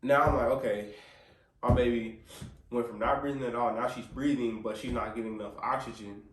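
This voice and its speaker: A man's voice: mid-range voice, fairly even intonation, brisk. A man telling his baby's birth story with earnest feeling, quoting himself and the nurses as he goes. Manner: earnest, quotes himself and others, prays aloud. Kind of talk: emotional storytelling. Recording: roomy sound, mic at a distance.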